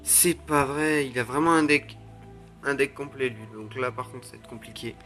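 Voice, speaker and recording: Excitable French gaming commentator, faint music. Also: male voice, mid-range voice, moderate pace. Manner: excitable, groans and exclaims at each play. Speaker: gaming YouTuber. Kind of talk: live mobile game commentary.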